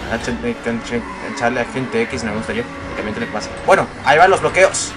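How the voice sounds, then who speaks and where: A man playing a racing game and commenting playfully, yelping and shouting whenever he crashes. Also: mid-range voice, quick pace. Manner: excitable, yelps and shouts at crashes. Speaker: gameplay commentator. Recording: game music loud behind voice.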